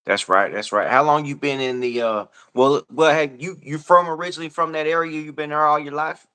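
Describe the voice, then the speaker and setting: A man's voice: a little high, fairly quick, bright, forceful tone, clear, resonant tone. A man hosting an online talk show, asking loose, easygoing questions in slangy speech. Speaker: show host. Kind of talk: casual interview chat.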